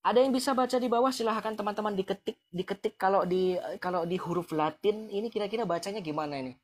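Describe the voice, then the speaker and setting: A man's voice: high-pitched, fast talker, noisy background. Man taunting viewers on a live stream. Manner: taunting, challenging with rhetorical questions; chuckles mockingly between points.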